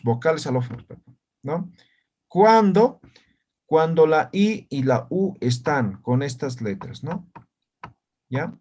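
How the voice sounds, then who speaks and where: A man's voice: mid-range voice, darkish tone, husky. A man teaching an online language lesson, explaining step by step and often checking understanding with short tag questions.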